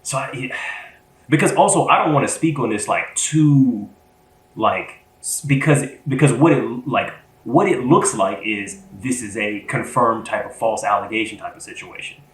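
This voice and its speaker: A man's voice: mid-range voice, moderate pace, echoey room, rough recording. A man co-hosting a podcast in casual chat, rambling and hesitant with many restarts. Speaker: podcast co-host.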